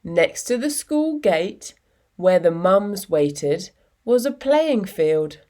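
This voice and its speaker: A storytime reader with a medium-pitched voice reads a picture book to young children, going very slowly and leaving dramatic pauses between short phrases. She sounds expressive and deliberate.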